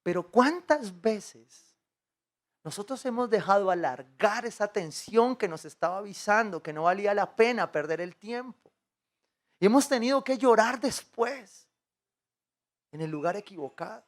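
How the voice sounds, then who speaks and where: Colombian pastor preaching animatedly. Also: male voice, sits high, normal speed. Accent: Colombian Spanish. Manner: animated storytelling, acting out dialogue, asking the congregation questions. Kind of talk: sermon. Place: church.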